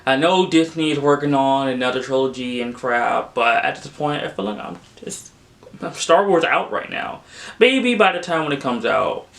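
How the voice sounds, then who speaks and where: A man's voice: mid-range voice, animated, moderate pace, gravelly, fairly bright tone. A young man giving a casual, rambling film review, exasperated and full of "like" fillers. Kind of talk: casual spoken movie review.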